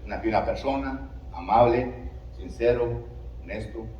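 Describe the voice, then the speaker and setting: A man preaching a sermon as pastor, in an animated style with rhetorical questions to the congregation. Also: mid-range voice, measured pace, echoey room, far from the mic, muffled recording, slight background noise. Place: church sanctuary.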